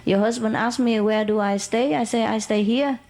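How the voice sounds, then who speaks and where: A woman's voice: a little high, steady tone, normal speed, heavy background noise, close to an everyday voice. A woman voicing a puzzled, innocent young man who speaks plainly and matter-of-factly.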